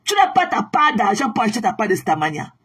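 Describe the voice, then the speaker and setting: A woman ranting angrily on her own livestream, taunting viewers with repeated mocking questions and bursts of shouting. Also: mid-range voice, big pitch swings, fast talker, slightly rough. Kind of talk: angry livestream rant at viewers.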